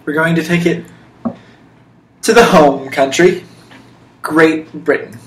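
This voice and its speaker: A young man with a slightly high voice speaks slowly while hosting a casual podcast, his playful monologues delivered in an emphatic, mock-serious way. The audio sounds roomy, with faint noise in the background.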